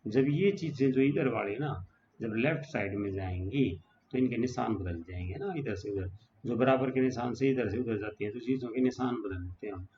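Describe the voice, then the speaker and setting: Man, math teacher, step-by-step explanation, gravelly, faint background noise. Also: mid-range voice, fairly quick, dark tone, dull audio. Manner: explains step by step, often asking "है ना". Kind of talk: whiteboard math lesson.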